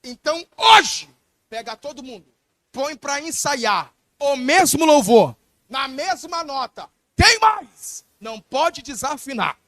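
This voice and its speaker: A man's voice: very high voice, very animated, slow, bright, forceful tone, dry recording, studio quality, heavily acted. A male preacher voicing a stern king who gives insistent, threatening orders in a sermon retelling. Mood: commanding. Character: stern commanding king giving orders, adult man.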